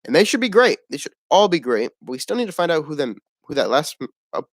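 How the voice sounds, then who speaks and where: A man's voice: on the high side, sing-song, quick pace, dry recording. Blunt rambling man with a dry close mic. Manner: rambling, blunt, swears often, laughs at the show. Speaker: wrestling show reviewer. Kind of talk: casual opinionated review.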